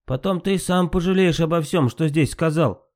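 A man reading an audiobook, voicing a conciliatory male god trying to calm a quarrel. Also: on the high side, normal speed, pitched above the performer's own voice, close to an everyday voice. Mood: placating. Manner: soothing, conciliatory.

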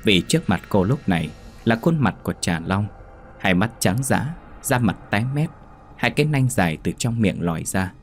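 A man narrating a horror story in a steady, measured storytelling voice. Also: fairly low pitch.

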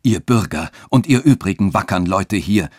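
A man's voice: low-pitched, lively intonation, normal speed, darkish tone, husky, no echo, studio quality. A man voicing a respected male magistrate who speaks politely but sharply. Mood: firm.

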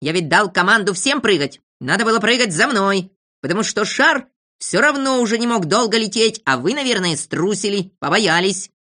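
A woman voicing a clever, calm little boy from a storybook, composed and reasoning. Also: mid-range voice, normal speed, voice pushed up.

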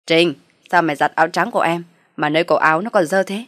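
A woman voicing a harsh, scolding older mother-in-law in a storybook reading, loud and berating. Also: lowish voice, fast talker, no room sound, clean studio sound, natural voice.

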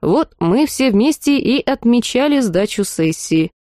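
Woman doing a sorry hungover student guy for an audiobook, sighing, soft mellow voice. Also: a little high, animated, a little slow, no room sound, studio quality. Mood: rueful. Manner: sighing and confessional. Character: repentant hungover young male student. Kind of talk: audiobook character reading.

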